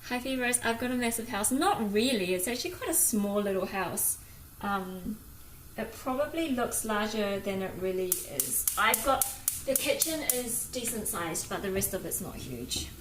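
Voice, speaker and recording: With a mid-range, expressive voice at normal speed, a broad-accented Kiwi woman chats informally while greeting viewers on her cooking livestream. The setting is an indoor home kitchen; her phone, set slightly away, captures room echo plus clear background noise of sizzling, stirring and kitchen activity.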